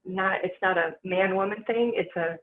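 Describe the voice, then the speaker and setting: Woman, spiritual teacher, relaxed storytelling delivery; phone-quality audio. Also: fairly low pitch, moderate pace. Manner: calm, chatty, laughs while telling stories. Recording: tinny phone-like line with faint noise.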